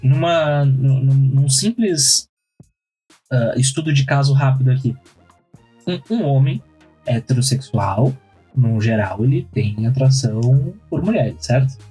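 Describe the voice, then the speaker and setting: A man's voice: mid-range voice, measured pace, husky, soft background music, rough recording. A young adult man, telling stories and reasoning aloud on a casual podcast. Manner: storytelling, reasoning out loud. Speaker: podcast co-host. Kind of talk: casual chat.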